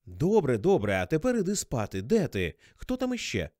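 A man voicing an impatient young woman on a late-night phone call, trying to calm a drunk caller and send him to bed. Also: on the high side, normal speed, dry recording, studio quality. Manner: impatient, soothing.

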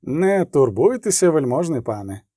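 A man voicing a chatty, raised-pitch army field medic. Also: big pitch swings, dark tone, dry recording, studio quality. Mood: chatty, reassuring. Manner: chatty, deferential, slow and soothing.

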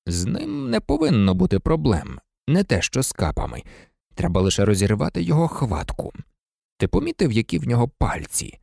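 A man voicing a calm, kind male teacher in an audiobook, who speaks in a soft, thoughtful way. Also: medium pitch, brisk, vocal fry, dry recording, clean studio sound, exaggerated voice. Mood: gentle.

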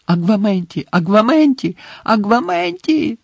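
Man playing a panicked teen wizard, high, loud and urgent, dry sound. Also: very animated, a little slow, creaky, slightly rough, dry recording, full character voice. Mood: desperate. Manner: shouting, urgent and breathless. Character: frantic teenage boy wizard, desperate.

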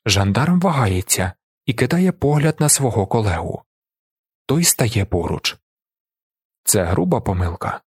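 A man narrating a first-person audiobook in a husky voice. His pitch moves a lot and the reading is expressive. The sound is close and dry, with no room echo. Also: unhurried, pauses often. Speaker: audiobook reader.

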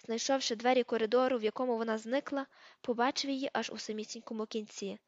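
A woman narrates an audiobook in a steady, even storytelling voice. Her pitch sits on the higher side. The recording is dry with no room sound and has a dull, lo-fi tone. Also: quick pace, no echo. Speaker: audiobook reader.

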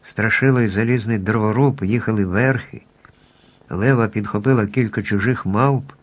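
A man calmly narrating a children's storybook at an even pace. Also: fairly low pitch, normal speed.

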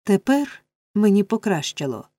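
A woman's voice: mid-range voice, very animated, unhurried, dark tone, dry recording. A woman voicing a melodramatic middle-aged workhouse matron who talks breathlessly and moans. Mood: coy. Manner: breathless, moaning.

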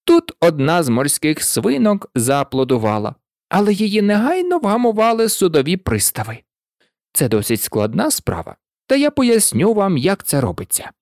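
A woman narrating a storybook in an expressive, lively reading. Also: on the low side, normal speed, dry recording, studio quality.

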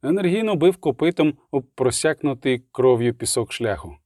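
A man reading an audiobook with steady, even storytelling. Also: medium pitch, moderate pace, no echo, clean studio sound. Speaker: audiobook narrator. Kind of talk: audiobook narration.

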